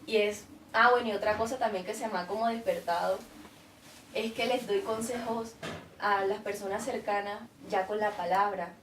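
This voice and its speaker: A woman's voice: mid-range voice, steady tone, moderate pace, a bit bright. A woman telling her testimony in a casual, chatty way, often repeating herself. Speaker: church member giving testimony. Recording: roomy, mic at a distance, faint room noise.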